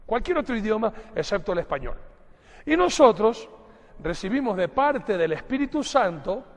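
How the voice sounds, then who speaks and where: Guy from guayaquil preaching, high voice, keeps saying brothers, big echoey hall. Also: gravelly. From Guayaquil, Ecuador. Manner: emphatic, repeats words, addresses listeners as brothers. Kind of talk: sermon.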